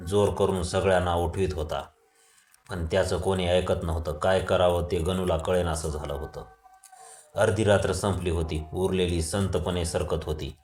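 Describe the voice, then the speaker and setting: A man reading a novel aloud as a storyteller, with steady, even narration. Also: low-pitched, normal speed, echoey room. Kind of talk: audiobook reading of a Marathi novel.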